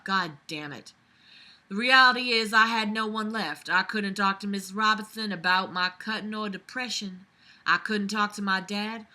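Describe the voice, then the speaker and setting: Lying on a bed in a small bedroom, a young adult woman reads fiction aloud, adding weary, exasperated, sarcastic remarks and swearing a lot. Her mid-range voice sounds pushed and bright.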